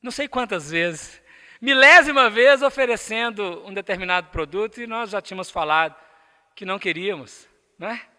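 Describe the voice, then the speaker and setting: A man's voice: sits high, normal speed, pushed and bright. A man with a Brazilian accent giving a spiritist lecture, emphatic and asking the audience rhetorical questions. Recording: echoey lecture hall.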